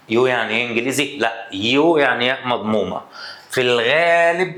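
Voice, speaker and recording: This grammar teacher has an Egyptian Arabic accent and a mid-range voice that sounds pushed and bright. His lesson is lively and teasing, with him playing out his students' likely questions, captured in an echoey room.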